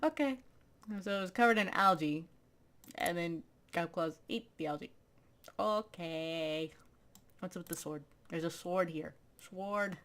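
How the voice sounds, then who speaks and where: A woman's voice: lowish voice, measured pace, long pauses, a bit bright. Giggly woman reading a game aloud. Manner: giggly, playful, reads text with dramatic flair. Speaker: gaming video host.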